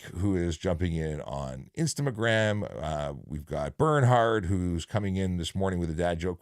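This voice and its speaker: A Canadian former traffic cop hosts a casual live Q&A stream, chatty, jokey, and heavy on fillers. His low-pitched, darkish voice comes through clean studio sound with no echo.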